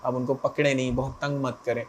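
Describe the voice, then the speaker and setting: A man at an ordinary mid pitch talks his viewers through relationship advice, leaning hard on each point and checking in with quick asides. A faint noise sits under the voice. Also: flat delivery. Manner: emphatic, repeats "theek hai" as a check-in. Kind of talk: direct-to-camera advice talk.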